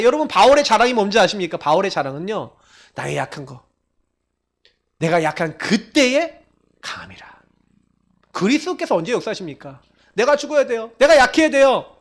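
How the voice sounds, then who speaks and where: A man's voice: sits high, fairly bright tone. A male pastor preaching a sermon, telling stories with acted-out quotes and frequent rhetorical questions to the congregation.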